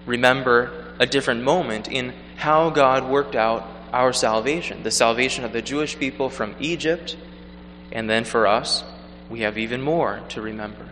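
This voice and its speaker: A man reading the gospel and preaching a homily at Mass in a measured, earnest way, his voice ringing with cathedral echo in a large church. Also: medium pitch, fairly bright tone. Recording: long church reverb, faint hum.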